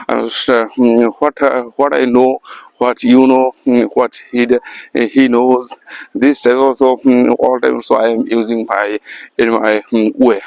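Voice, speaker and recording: An Indian man vlogging as an English learner, speaking English as a second language with an Indian accent, delivers a halting, repetitive motivational monologue to camera from a calm, quiet spot. His medium-pitched voice is creaky, and the recording is rough but without echo.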